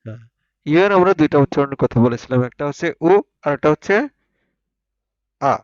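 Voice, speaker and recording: A man teaching an online pronunciation class, sounding out words slowly and having students repeat them. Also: on the high side, lively intonation, dry recording. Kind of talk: online spoken English class. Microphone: online video call. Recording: dull lo-fi online call audio.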